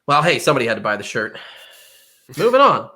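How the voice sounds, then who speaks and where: A man's voice: medium pitch, big pitch swings, fast talker, crowd noise. A man co-hosting a podcast in casual banter, joking and laughing often. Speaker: podcast co-host.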